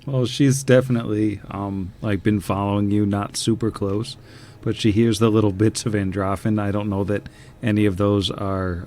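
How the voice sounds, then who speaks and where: Man, game master, unhurried narration, low-pitched, faint background hiss. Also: darkish tone. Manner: unhurried, with frequent ums and laughs.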